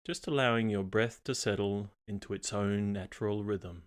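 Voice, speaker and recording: A scripted guided meditation is read by a man with a fairly low pitch, who pauses between phrases and stays calm, unhurried, and measured throughout.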